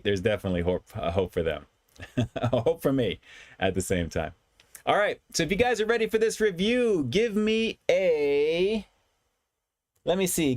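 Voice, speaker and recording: A man's voice: medium pitch, no echo. A man hosting a food review livestream, chatting casually with viewers and often repeating his phrases for emphasis. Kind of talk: casual livestream chat, reading and answering comments.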